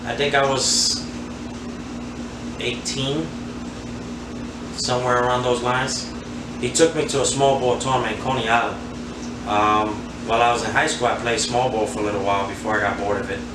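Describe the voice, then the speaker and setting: This handball player from Queens, in his 40s, speaks at a moderate pace with long pauses in a flat, mid-range voice. He is a relaxed, rambling interview guest using many fillers as he reminisces, captured on a distant mic that sounds roomy, off-mic, and noisy.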